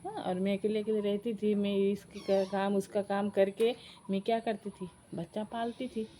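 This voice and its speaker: A woman's voice: mid-range voice, flat delivery, moderate pace, warm tone, a little hiss or hum, lightly acted. A woman voicing a feisty, scolding old grandmother who complains indignantly.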